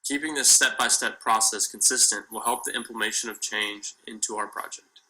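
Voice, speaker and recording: A young man from Kentucky, a student reading a formal class presentation in a steady manner. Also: fairly low pitch, fairly quick, poor audio.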